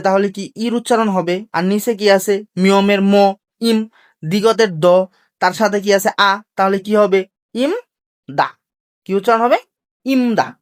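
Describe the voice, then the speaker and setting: A teacher gives a video lesson. They explain rules slowly and keep asking rhetorical questions before answering them. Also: mid-range voice. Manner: asks rhetorical questions and answers them, repeats key points; slow, careful drilling of pronunciation rules. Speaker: language teacher. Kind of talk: classroom-style video lesson.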